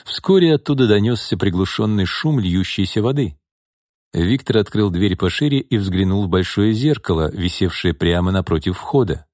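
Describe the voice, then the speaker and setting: A man reading a thriller audiobook in a steady, even scripted narration. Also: fairly low pitch, no room sound, studio quality.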